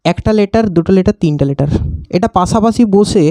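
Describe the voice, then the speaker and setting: A man teaching a grammar lesson, asking questions and answering them himself and repeating definitions slowly. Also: high voice, warm tone, dry recording.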